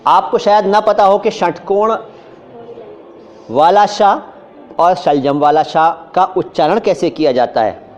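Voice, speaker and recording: A man teaching Hindi and Urdu pronunciation in a lively lecture, drawing out syllables slowly and joking with his students. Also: high voice, highs cut off. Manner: demonstrates sounds slowly, repeats syllables, jokes with students. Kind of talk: lively classroom-style lecture.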